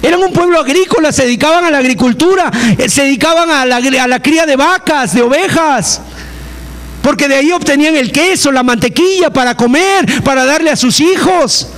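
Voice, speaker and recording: A man delivers a sermon in a strikingly high voice. He preaches emphatically and keeps putting rhetorical questions to his listeners. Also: fairly quick, a bit bright. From Mexico.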